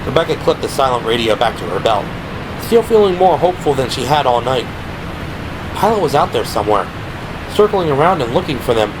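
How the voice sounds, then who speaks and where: This man reads scripted dramatic narration for an audio drama in a mid-range, sing-song voice, going a little fast. Ambient sound effects play behind him, and the background noise and ambience come through clearly.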